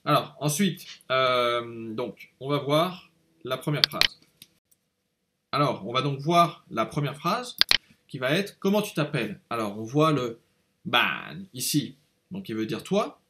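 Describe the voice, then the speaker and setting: A man's voice: mid-range voice, lively intonation, measured pace, sharp tone, slight background noise. A man teaching a language lesson, patiently explaining and repeating words aloud to show each tone.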